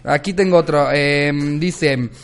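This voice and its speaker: A man's voice: fairly high pitch, slow. Sarcastic, crude Mexican man. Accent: Mexican Spanish. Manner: laid-back, crude, sarcastic. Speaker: comedian, podcast co-host. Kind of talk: casual comedic chat.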